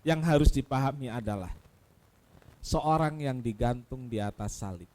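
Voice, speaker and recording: At a moderate pace, the preacher, whose accent is Indonesian, poses rhetorical questions to listeners he calls "saudaraku." His delivery swings between loud cries and hushed, low asides.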